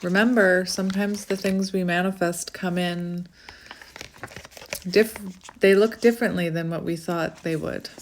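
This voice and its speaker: A woman's voice: lowish voice, steady tone, unhurried, slight background noise. A woman with a slight lisp from wearing a retainer, doing a casual, chatty card reading in an effusive, giggly manner. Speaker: tarot reader hosting a card reading.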